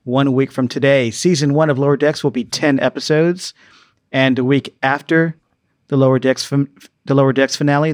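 A man's voice: mid-range voice, dry recording. A man hosting a casual podcast, steering the talk with jokes. His voice sits in an ordinary middle range. The sound is dry and close, with no room around it. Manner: joking, leads the segments. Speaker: podcast host. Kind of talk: casual chat. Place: studio, live stream.

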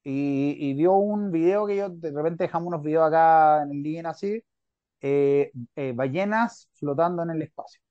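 A man's voice: a little high, moderate pace, no room sound, highs cut off. A man with a Chilean accent, a podcast host chatting casually, rambling and often checking in with the listener. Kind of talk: casual interview chat.

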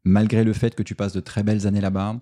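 A man hosting an interview, asking questions in a relaxed, friendly, joking way. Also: lowish voice, fast talker. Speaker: podcast host, interviewer.

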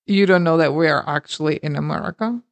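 A woman co-hosting a casual chat podcast from Germany, chatty and quick to laugh. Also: sits low, dry recording. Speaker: podcast co-host.

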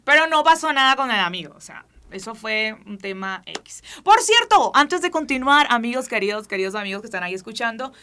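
Bright-voiced Colombian coastal woman chatting. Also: on the high side, very animated, fairly quick, few pauses, clear, resonant tone. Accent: Colombian Caribbean coast. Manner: playful, chatty, acts out quoted voices. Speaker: podcast co-host. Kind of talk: casual podcast chat.

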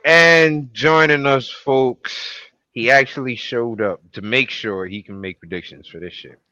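Guy hosting a podcast like a circus ringmaster, booming drawn-out intros, forceful voice, dry slightly lo-fi sound. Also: no room sound. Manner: booming, drawn-out showman delivery. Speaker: podcast host. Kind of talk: ringmaster-style show announcing.

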